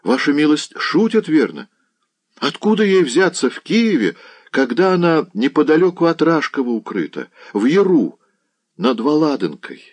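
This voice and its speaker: A man's voice: mid-range voice, very animated, normal speed. A man reading an audiobook, voicing a young male servant lad who talks in a rustic, exclaiming, pleading way. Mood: bewildered. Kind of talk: audiobook character voice.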